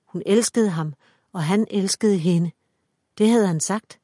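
A woman reading a dark story aloud in measured, dramatic scripted audiobook narration. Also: mid-range voice, no echo, studio quality.

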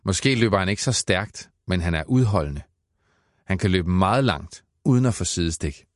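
Low-voiced man narrating a children's story. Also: no room sound, studio quality. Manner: playful, expressive storytelling. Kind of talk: scripted audiobook narration.

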